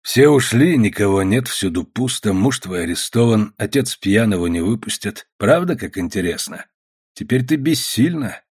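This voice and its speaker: A man reading aloud and voicing a big, mocking male anarchist who makes slow, drawn-out threats, in a husky voice. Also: mid-range voice, a little mellow. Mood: gloating.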